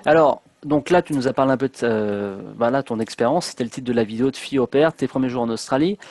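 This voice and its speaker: A man talks quickly as the host of a casual interview, tripping over his words and restarting often. His voice sits at a middle pitch and sounds dry and close, with no room around it. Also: a little mellow, no echo. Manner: fast, chatty, full of restarts and fillers. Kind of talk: casual interview and travel advice.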